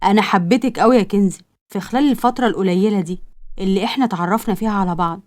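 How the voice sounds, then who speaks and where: A woman's voice: mid-range voice, very fast, a little mellow, close to an everyday voice. A woman with an Egyptian accent voicing an earnest young man who courts a girl, pleading and reassuring. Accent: Egyptian Arabic.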